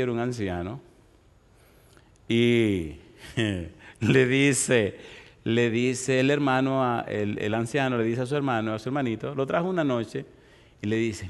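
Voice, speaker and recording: A man pastor preaching a sermon, telling stories in an animated way and asking the congregation rhetorical questions. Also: mid-range voice, in a large hall. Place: church.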